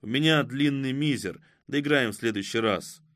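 A man voicing a composed male former commander in an audiobook, speaking in a level, even tone. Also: medium pitch, moderate pace, no echo, clean studio sound, natural voice. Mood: calm. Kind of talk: audiobook character voice.

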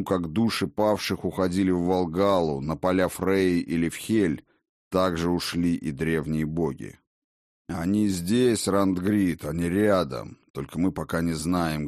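A man reading an audiobook, voicing an ancient, stern father-god who speaks with command and bursts into booming declarations. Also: a little mellow, no echo, studio quality.

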